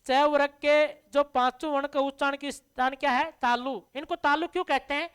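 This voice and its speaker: A woman's voice: high-pitched, fairly even intonation, normal speed. A woman teaching a classroom grammar lesson, asking the class questions and answering them herself to drill the terms. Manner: addresses listeners as dear children.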